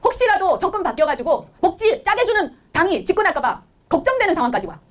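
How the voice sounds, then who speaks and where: A middle-aged woman delivers a blunt, indignant political speech at a breakneck pace. Her voice sits very high and swings up and down with lively intonation. She keeps firing rhetorical questions at the listener. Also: fast talker. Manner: emphatic, full of rhetorical questions. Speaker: political speaker.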